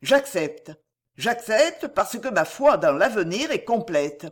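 Earnest, formal factory owner voiced by a reader in an audiobook, moderate pitch. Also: big pitch swings, slow pace. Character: earnest factory owner near ruin, reserved. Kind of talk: audiobook reading.

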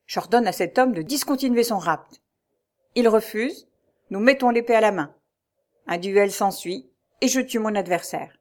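A woman voicing a haunted middle-aged nobleman who speaks in a sombre, halting way, in an audiobook reading. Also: mid-range voice, natural voice. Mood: grave.

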